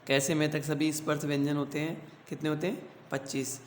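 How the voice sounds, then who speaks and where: A man teaching a grammar lesson to schoolchildren. He explains slowly, asks the class questions and then answers them himself. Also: on the high side, level tone. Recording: echoey room with faint hum.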